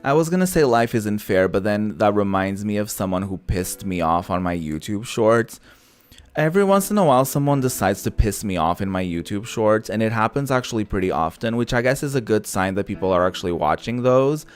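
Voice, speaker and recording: A native Portuguese-speaking man, a gaming content creator, plays a visual novel on stream with casual commentary that's sassy, opinionated and full of swearing. His voice is on the low side with lively intonation, a fairly quick pace and a clean tone, over background music.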